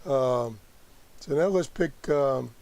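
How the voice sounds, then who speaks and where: A man giving a casual live app tutorial as host, haltingly thinking aloud as he works through it. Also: medium pitch, vocal fry, darkish tone. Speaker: host demonstrating a radio app.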